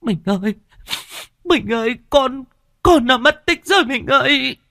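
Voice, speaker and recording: A man's voice: very high-pitched, lively intonation, unhurried, gravelly, sharp tone, no echo, studio quality, voice pushed up, full character voice. A man doing a sobbing, distraught village wife. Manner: sobbing, pleading.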